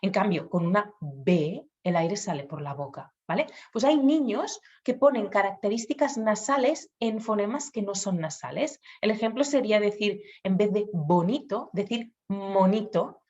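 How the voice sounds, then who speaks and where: A woman's voice: mid-range voice, lively intonation, moderate pace, few pauses, darkish tone, lo-fi sound. A woman speech therapist patiently explaining children's speech sounds to parents, acting out the sounds aloud.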